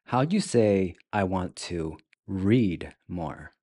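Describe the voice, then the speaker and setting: A man leads a beginner language lesson in a low, unhurried voice. He speaks with great care and repeats each word several times so learners can follow. The sound is dry and close. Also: expressive, warm tone, no room sound. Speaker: language teacher.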